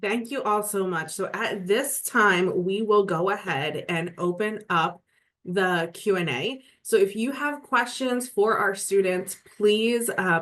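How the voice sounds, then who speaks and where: Measured woman webinar host. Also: mid-range voice, a bit bright. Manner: measured, instructive. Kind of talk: announcing the Q and A. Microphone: video call.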